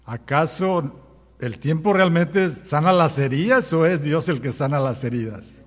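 A man's voice: fairly high pitch, expressive, unhurried, in a large hall. A man preaching a sermon as pastor, firing rhetorical questions at the congregation and acting out common sayings. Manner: acts out everyday sayings in quoted voices.

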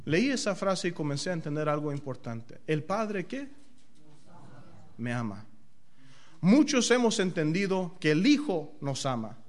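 A man preaching a sermon, asking the congregation questions and answering them himself, dropping into English phrases now and then. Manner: swings from loud emphasis to low, soft phrasing.

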